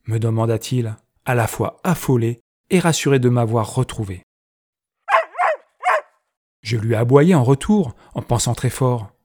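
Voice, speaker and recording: A man narrating a storybook in first person, reading softly and expressively. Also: medium pitch, expressive, a little slow, pauses often. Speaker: audiobook narrator.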